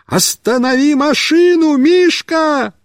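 A man voicing a frightened young boy who yells in alarm while he is stuck riding in circles in a storybook reading. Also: very high-pitched, extremely slow, no room sound, clean studio sound, pitched above the performer's own voice, heavily acted. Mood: panicked, yelling. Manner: yelling in alarm. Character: panicked young boy stuck on a runaway bike.

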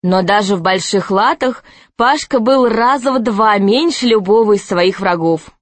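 A woman narrating a children's storybook aloud in an expressive, lively reading. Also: mid-range voice, unhurried, no room sound. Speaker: audiobook narrator.

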